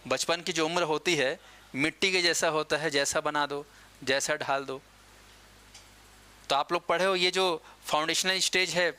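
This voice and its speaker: A man teaching a coaching-class lecture in a casual, chatty way, quizzing students and answering himself, slowing down to dictate key terms. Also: a little high, sharp tone, clean tone.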